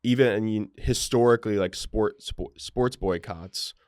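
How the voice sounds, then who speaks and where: A man's voice: lowish voice, measured pace, a little mellow, clear, resonant tone, dry recording, studio quality. A young man co-hosting a podcast in casual chat, wry and rambling, full of fillers. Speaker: podcast co-host.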